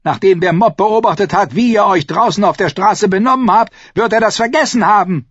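A man's voice: sits high, brisk, a bit bright, slightly rough, no room sound, lo-fi sound, voice pushed up. A man voicing a haughty, furious queen who hisses scorn in an audiobook. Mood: scornful furious. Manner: hissing scorn. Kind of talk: audiobook character voice.

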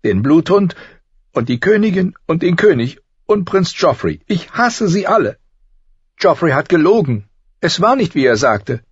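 A man voicing a tearful, fierce young girl who blames herself, speaking high and pleading through sobs. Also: sing-song, moderate pace, slightly rough, dry recording, muffled recording, heavily acted. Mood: upset. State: crying.

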